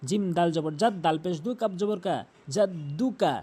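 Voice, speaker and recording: A man teaching Quran pronunciation in a step-by-step lesson. He spells out each letter and vowel mark, then recites the words slowly and repeats them for practice. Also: sits high, mellow.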